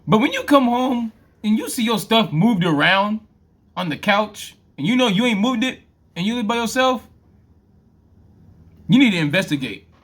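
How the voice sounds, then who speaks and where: A man's voice: high voice, very animated, normal speed, long pauses, fairly bright tone. A man hosting a reaction video, talking back at a clip in slangy, laughing casual commentary.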